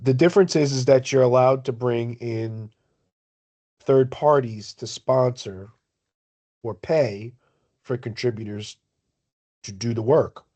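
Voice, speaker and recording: A man with a relaxed, mellow voice is on a video call, explaining a project to colleagues. He talks in a measured way with halting pauses, like the person leading the meeting. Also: medium pitch. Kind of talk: explaining in an online work meeting.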